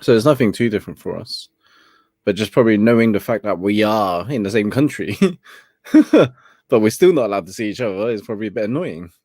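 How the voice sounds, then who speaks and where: A man's voice: fairly low pitch, expressive, a little fast, darkish tone, dry recording, studio quality. A young man hosting a casual late-night chat, laid-back and laughing often as he talks. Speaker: host.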